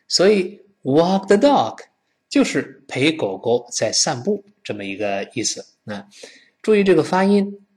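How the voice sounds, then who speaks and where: Man, english pronunciation teacher, very lively intonation, slow demonstrations for learners to repeat. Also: medium pitch. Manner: animated, modelling words slowly and having listeners repeat.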